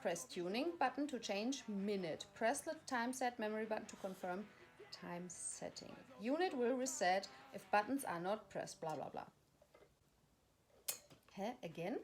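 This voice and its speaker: Exasperated woman, lively pitch. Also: a little slow, soft background music. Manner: exasperated, ranting, repeating herself. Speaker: vlogger. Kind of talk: frustrated vlog monologue reading instructions aloud.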